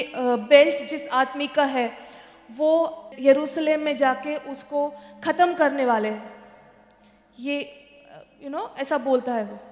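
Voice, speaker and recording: A woman pastor preaching a sermon, telling a story and slipping English phrases into her talk. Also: high voice. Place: church hall. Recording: echoey church hall.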